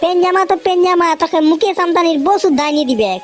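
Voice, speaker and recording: In a comic cartoon, an actor voices a cocky, grumbling village big brother who boasts and exaggerates while also sounding reassuring. He talks very fast in a pitched-up voice with a Purulia Bengali accent.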